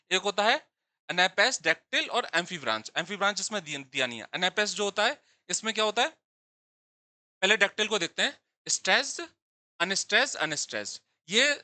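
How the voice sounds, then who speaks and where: A man lectures on English literature for exam students, repeating key terms and posing questions he then answers himself. His voice is bright and lively, swinging up and down in pitch. The recording is dry and close, with almost no room sound. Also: no room sound.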